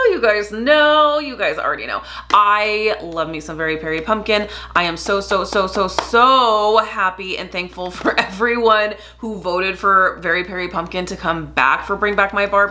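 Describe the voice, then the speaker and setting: A woman's voice: on the low side, sharp tone, a little hiss or hum. A woman vlogger chatting casually and enthusiastically about home fragrances, laughing often.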